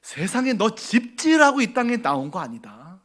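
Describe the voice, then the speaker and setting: A man voicing God as a tender, fatherly figure, speaking in a hushed voice that sometimes drops to a whisper. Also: very high voice, sing-song, moderate pace, pitched above the performer's own voice, heavily acted. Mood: reassuring.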